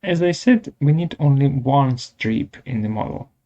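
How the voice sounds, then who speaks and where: Speaking at a medium pitch, this gravelly-voiced man presents a step-by-step software tutorial in brief, halting phrases. He sounds animated, and the recording is dull.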